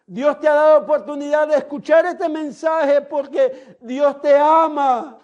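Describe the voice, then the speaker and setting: A male pastor preaching a sermon in a slow, emphatic manner that sometimes rises to a shout. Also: very high voice. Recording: dull lo-fi recording.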